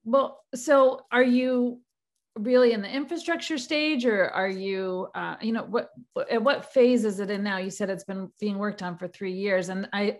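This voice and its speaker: A woman hosting an interview podcast, welcoming her guest warmly and effusively and asking questions. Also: mid-range voice. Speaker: podcast host. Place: New York.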